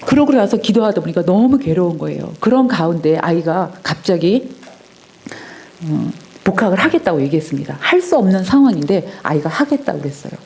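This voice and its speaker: A middle-aged woman giving a personal testimony at a Sunday church service, telling her story earnestly and dropping her voice softly at tender moments. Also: fairly low pitch, animated, fairly quick, creaky. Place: church sanctuary.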